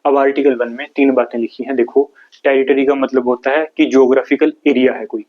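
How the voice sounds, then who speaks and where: A man's voice: mid-range voice, little pitch movement, fairly quick, highs cut off. A man from India with a Haryanvi accent, teaching an exam-prep lecture, explaining step by step and asking and answering his own questions.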